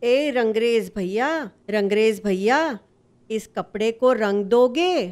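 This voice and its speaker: A woman's voice: high voice, lively intonation, slow. A woman voicing a small, cheerful male mouse who pleads and boasts in a sing-song way. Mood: eager.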